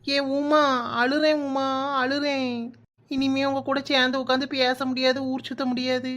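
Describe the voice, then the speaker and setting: A woman's voice: high voice, flat delivery, normal speed, fairly bright tone. A woman with a Kanyakumari Tamil accent voicing a playful, chatty young village bride in a cartoon. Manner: teasing, whiny, chatty.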